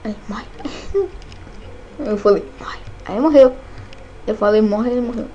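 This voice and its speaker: A woman with a Brazilian Portuguese accent, excitedly commentating her own gameplay, cursing and shrieking at every scare. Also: fairly high pitch, a little slow, highs cut off, a little hiss or hum. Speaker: gameplay channel host.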